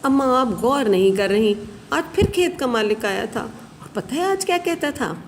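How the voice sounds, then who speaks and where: A woman's voice: sits high, expressive, slight background noise, voice pushed up. A woman voicing young bird chicks who anxiously plead with their mother. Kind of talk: storybook character voice.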